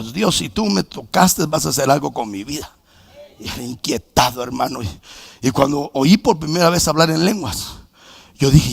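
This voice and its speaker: A middle-aged man from preaching a sermon as a pastor, telling his own story with quoted dialogue and bursts of shouting. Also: fairly high pitch, vocal fry, slightly rough, dry recording. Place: church sanctuary.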